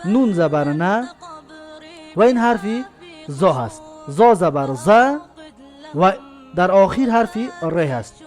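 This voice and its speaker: A man's voice: high-pitched, animated, pauses often, a little mellow, faint music behind. A man with a Tajik accent teaching an alphabet lesson, spelling out each letter and then saying each word twice, drawn out.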